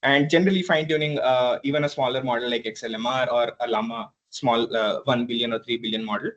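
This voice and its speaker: A man presenting a PhD thesis defense in a halting, hedging academic way, often repeating words and clearing his throat. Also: mid-range voice, fairly even intonation, dull audio. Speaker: PhD candidate.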